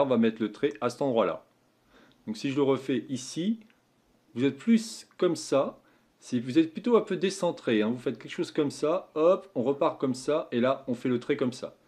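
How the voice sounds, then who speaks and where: Man, relaxed teacher, draws while explaining, casual tutorial, shrugs off slip-ups. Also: mid-range voice, moderate pace. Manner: talks while drawing, says "hop" and "hein"; easygoing about mistakes. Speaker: Japanese writing teacher. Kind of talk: casual screen-drawing tutorial.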